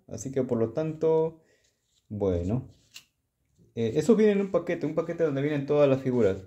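A man's voice: mid-range voice, warm tone, muffled recording. A man chatting casually as he shows off his sticker collection, often stumbling over foreign names. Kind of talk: casual show-and-tell.

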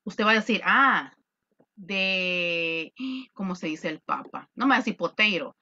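A woman with a Salvadoran accent teaching an online English class, lively and joking as she quizzes her students. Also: fairly low pitch, a little slow, muffled recording. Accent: Salvadoran Spanish.

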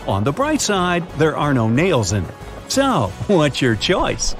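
Animated man narrating a riddle adventure. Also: fairly high pitch, slow, soft background music. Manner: lively, dramatic, second-person storytelling with quiz questions. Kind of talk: scripted narration of riddle story. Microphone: studio voice-over.

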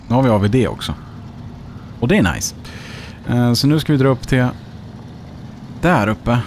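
A man's voice: medium pitch, darkish tone, a little hiss or hum. A man with a Swedish accent giving casual let's-play commentary, chatting and muttering to himself as he plays. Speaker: gaming YouTuber.

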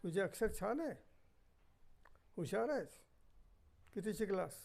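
A man voicing a kindly elderly retired teacher who speaks gently and encouragingly. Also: high-pitched, lively intonation, measured pace, vocal fry, exaggerated voice.

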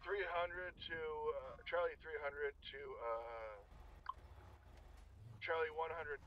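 A man's voice: a little high, slow pace, dull audio. A man making clipped police radio calls as a role-play sheriff's deputy, spelling out plates with the phonetic alphabet. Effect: police radio transmission.

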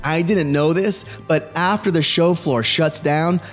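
A man's voice: on the high side, unhurried, in a large hall, soft background music. A man in his forties, the host, narrating his vlog with upbeat enthusiasm. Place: home studio with toy shelves.

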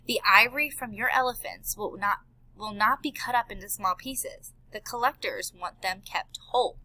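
A woman's voice: medium pitch, moderate pace, pushed and bright. A woman voicing a sarcastic, scheming male ivory poacher in an audiobook. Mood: amused. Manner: sarcastic, amused, smooth-talking.

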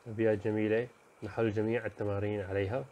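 Fast-talking man giving a lesson overview. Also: lowish voice, little pitch movement, darkish tone, slight background noise. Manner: brisk, listing topics with fillers and self-corrections. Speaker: teacher.

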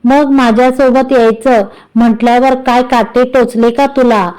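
A bossy older matriarch in a storybook reading, put on by a woman narrator. She scolds and hands out orders in a mellow, smooth voice, pitched a little high. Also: fairly even intonation, unhurried, close to an everyday voice, poor audio. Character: stern older woman of the household.

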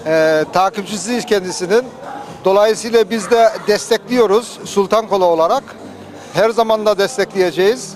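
A man's voice: high voice, normal speed. A man giving a promotional interview as a company representative, phrasing things hesitantly in short pieces.

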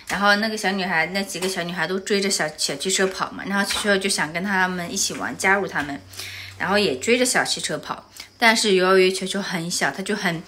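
A woman from Anhui, China, tells a personal story in a casual vlog. Her voice is bright and clear, and she talks in an animated way. She often breaks off with asides to the viewer. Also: medium pitch, a little hiss or hum. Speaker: vlogger.

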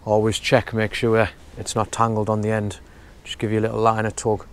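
A young man explaining his fishing setup in a relaxed, step-by-step way while outdoors at a lake. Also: lowish voice, a little fast. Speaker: fishing vlogger. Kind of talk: casual how-to narration. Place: outdoors at a lakeside bank.

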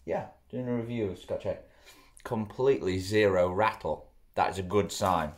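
A man's voice: lowish voice, normal speed. A young man, chatting casually as he reviews food at home, talking through bites. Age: young adult. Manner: chatty, rambling, mouth often full while chewing. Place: living room at home, indoors. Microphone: camera close in front.

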